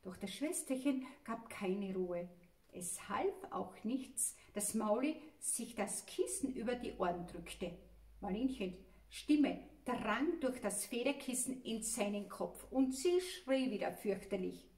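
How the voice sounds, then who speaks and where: A woman reading a children's story aloud with lively, expressive delivery. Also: medium pitch, takes it slowly. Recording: roomy, mic at a distance.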